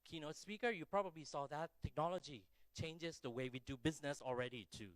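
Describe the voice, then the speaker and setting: A middle-aged man with a Thai accent gives a conversational keynote. His voice sits a little high and is smooth and crisp, with a dry, close sound. He is self-deprecating and often checks in with short rhetorical questions. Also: fairly quick, no room sound. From Thailand. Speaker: keynote speaker. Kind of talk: conference keynote speech, conversational and informal.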